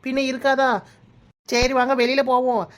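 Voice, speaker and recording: A woman's voice: high-pitched, level tone, moderate pace, close to an everyday voice. A woman voicing a cheeky young village woman with a Kanyakumari Tamil accent, who keeps complaining and teasing. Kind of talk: cartoon voice acting.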